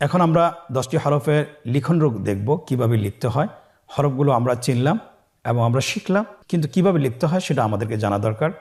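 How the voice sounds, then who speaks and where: A man teaching Quran letter pronunciation step by step, slowly drawing out each letter for the listener to repeat. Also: medium pitch, lively intonation, a little mellow. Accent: Bangladeshi Bengali. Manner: slow, drawn-out model pronunciations for the listener to repeat.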